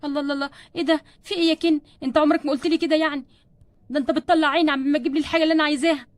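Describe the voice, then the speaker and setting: A woman's voice: high voice, steady tone, racing, no echo, lightly acted. A woman voicing a frightened, sick young wife and mother doll, with an Egyptian accent and anxious, pleading questions. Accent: Egyptian Arabic. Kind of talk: doll play storytelling.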